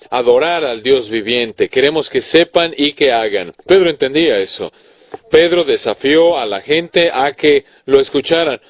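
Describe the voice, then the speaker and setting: A man preaching a sermon to pastors, earnest and emphatic, with rhetorical questions and frequent self-corrections. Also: medium pitch. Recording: dull, dry recording.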